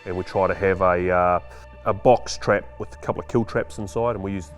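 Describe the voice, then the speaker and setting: A man's voice: deep voice, fairly even intonation, brisk, soft background music. A male farmer with a broad New Zealand Kiwi accent, explaining things casually in a matter-of-fact, laconic way. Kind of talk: casual explanatory talk to camera.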